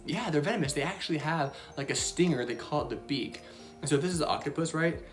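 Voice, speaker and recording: This woman's voice sits low, with lively intonation, and she talks fast. She hosts a casual children's Bible lesson, chatty and bubbly with many fillers, and soft music plays behind her.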